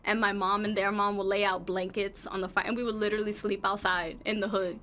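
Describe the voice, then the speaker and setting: A woman's voice: medium pitch, flat delivery, quick pace, bright, forceful tone. A woman from the Bronx with a New York accent, a comedian guest talking candidly and laughing easily in a casual interview. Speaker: stand-up comedian and podcast guest.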